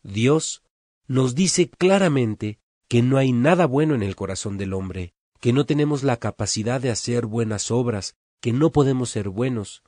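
A man's voice: medium pitch, measured pace, a little mellow, no room sound, studio quality. A man preaching a sermon, telling a story in an earnest, emphatic way.

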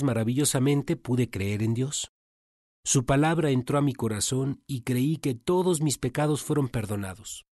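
A man's voice: mid-range voice, darkish tone, dry recording, studio quality. A man preaching a sermon in an earnest storytelling manner.

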